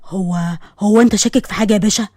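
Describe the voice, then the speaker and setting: A hesitant young police constable answers his superior with deference, in an Egyptian accent, as a woman storyteller puts him on. The talk is brisk and sits close and dry to the mic. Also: medium pitch, steady tone, dark tone, dry recording, natural voice. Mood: deferential. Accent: Egyptian Arabic.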